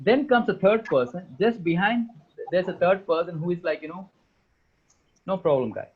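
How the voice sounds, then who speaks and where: A man speaks at a breakneck clip, a motivational career talk for students. His voice sits a little high and sounds husky. It comes through a tinny, phone-like call line. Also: fast. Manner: animated, mixes in local-language phrases. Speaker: guest career trainer.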